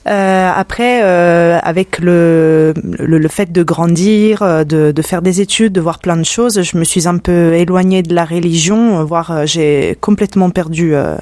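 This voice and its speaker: A woman's voice: lowish voice, a little mellow, dry recording. A young woman from Sicily, a guest in a radio studio, telling her story hesitantly with many fillers. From Sicily, Italy. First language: Italian. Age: young adult. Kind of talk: personal testimony in an interview.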